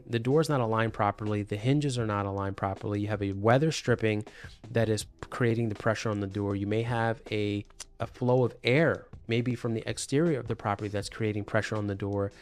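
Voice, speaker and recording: In a casual explainer video, a man who installs intercoms and door hardware talks in a conversational, explanatory way, repeating points for emphasis. His voice is fairly low and clean.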